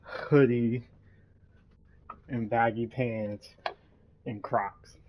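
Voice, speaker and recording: A man's voice: medium pitch, fairly even intonation, drawn-out words. A man narrating a casual role-play story, rambling with many fillers, on a dull lo-fi recording. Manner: rambling, full of fillers like "like" and "you know".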